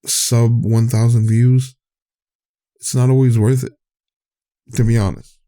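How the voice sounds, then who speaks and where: On his own podcast, this host talks casually and candidly in a rambling monologue, frequently trailing off and restarting as his voice tires. His mid-range, warm voice moves little in pitch and his pace is slow.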